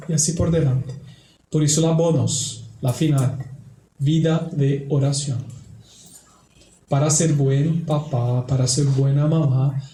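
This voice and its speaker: A man with a fairly high, soft-edged voice speaks as a priest to the faithful. His delivery is didactic, leaning on repeated phrases. The room rings around him like a cathedral, with a faint noise underneath. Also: echoey room, rough recording. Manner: didactic, repeats phrases for emphasis, tag questions. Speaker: priest giving a family workshop. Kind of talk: religious talk and prayer. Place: large reverberant indoor room.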